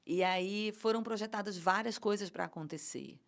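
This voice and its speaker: Speaking Portuguese at normal speed in a mid-range voice, this middle-aged Brazilian event producer appears as a guest in a conversational interview. Her emotion and passion show as she trips over fillers and restarts her sentences.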